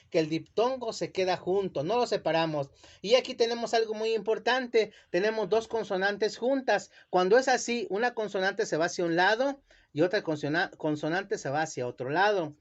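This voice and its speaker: A man teaching children a lesson, speaking slowly and carefully and stretching words out syllable by syllable. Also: sits high. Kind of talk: classroom lesson explanation. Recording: dull lo-fi sound.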